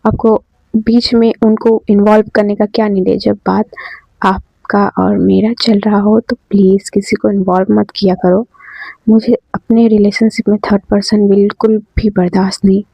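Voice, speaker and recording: A woman's voice: medium pitch, level tone, normal speed, creaky, dark tone, breathy edge, no echo, highs cut off. A woman doing a cheeky teasing student girl. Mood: mock indignant. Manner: teasing, pleading, playful.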